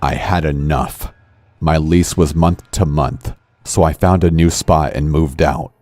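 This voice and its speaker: A man narrating a scripted horror story in a calm, measured way. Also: rumbling low, no echo. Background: faint music.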